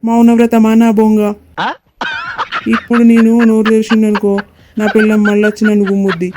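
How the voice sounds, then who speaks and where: Figure: grumpy cartoon father, voiced by a performer. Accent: Telangana Telugu. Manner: grumbling, flat pitch. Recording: noisy. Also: fairly quick, natural voice. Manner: grumbling, scolding. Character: grumpy father keeping mock silence.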